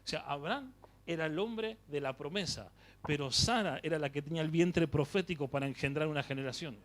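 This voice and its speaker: A man's voice: fairly high pitch, a little fast. A male preacher with a Rioplatense accent giving a conversational sermon, often quizzing the congregation with questions. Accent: Rioplatense Spanish.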